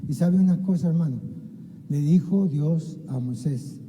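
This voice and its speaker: A man's voice: a little high, unhurried, dark tone, big-room sound, poor audio. A man preaching an impassioned sermon as pastor, often calling out to his listeners and acting out biblical dialogue. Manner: impassioned, keeps addressing listeners as "hermano". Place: church sanctuary.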